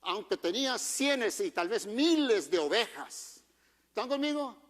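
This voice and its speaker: A male pastor preaches in a high, light voice. He keeps it conversational, tossing questions to the congregation and mixing in English phrases. His voice rings with long reverb in a church auditorium. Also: very animated, unhurried. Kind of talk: bilingual sermon.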